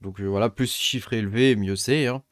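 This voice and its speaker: A man's voice: lowish voice, moderate pace, no echo. Hesitant man explaining, dry close sound. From Europe. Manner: hesitant, many fillers and restarts. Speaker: crypto mining YouTuber. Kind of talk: casual screen-share explainer.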